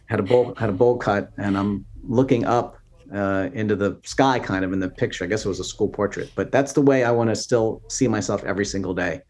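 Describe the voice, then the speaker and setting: A man's voice: lowish voice, brisk, darkish tone. A man in his fifties, a podcast guest, talking in an earnest, inspirational way in a casual interview. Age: 50s.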